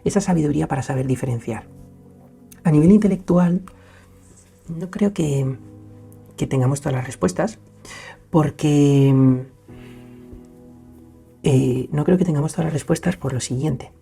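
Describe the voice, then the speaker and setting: A young man with a Spain Spanish accent, hosting a reflective solo talk in an earnest, searching way, often pausing and restarting. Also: on the high side, creaky, breathy edge, faint music behind. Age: young adult. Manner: earnest, searching, pauses and restarts, swings between loud and hushed. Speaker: host.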